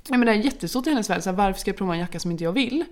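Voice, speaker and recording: A woman's voice: mid-range voice, animated. A woman in her thirties, a mother and podcast co-host, chatting casually and acting out quotes as she tells family anecdotes. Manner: chatty storyteller, acts out quotes, laughs often. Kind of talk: casual chat.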